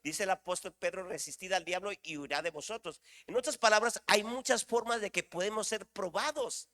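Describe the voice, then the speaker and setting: A middle-aged man preaching a sermon, animated, shouting exclamations and asking the congregation questions. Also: high voice, fairly quick, in a large hall. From Mexico.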